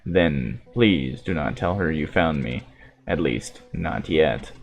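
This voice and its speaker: A man voicing a damaged prophet robot in a video game, speaking in a measured, grave, formal and secretive way. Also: rumbling low, lively intonation, creaky, pitched below the performer's own voice, heavily acted. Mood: solemn, secretive. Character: damaged prototype prophet robot, male, solemn, secretive, courteous.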